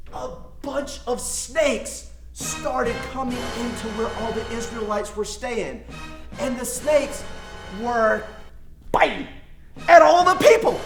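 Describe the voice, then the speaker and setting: Lively high-voiced man telling kids a story. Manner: playful, dramatic, talks straight to children. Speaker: children's church teacher. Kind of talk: animated Bible storytelling for kids. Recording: echoey room.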